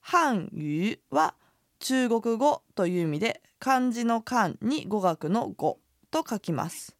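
A woman co-hosting a radio language lesson as an inn proprietress, chatty and lively. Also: fairly high pitch, slow pace, dry recording, studio quality. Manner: chatty, lively, laughs easily.

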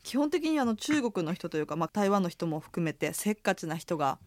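A woman's voice: on the low side, a little fast, no room sound, clean studio sound. A woman who runs an inn, co-hosting a radio language lesson in a chatty way. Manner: lively, chatty, sprinkles fillers. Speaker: inn proprietress and co-host. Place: radio studio.

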